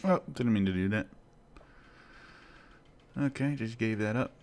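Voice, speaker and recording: A man's voice: lowish voice, measured pace, a little mellow. A man streaming live as a day trader, muttering and grumbling to himself with sarcastic asides as he trades. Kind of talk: live-stream commentary while trading.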